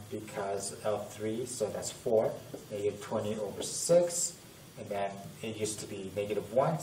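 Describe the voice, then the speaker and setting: Working a math problem on a classroom whiteboard in a casual lesson, a young tutor with a lowish voice reasons out loud and fixes his own mistakes. Strain creeps into his voice, as though he's losing it. It's captured by a camera mic at a distance, with room echo and faint noise.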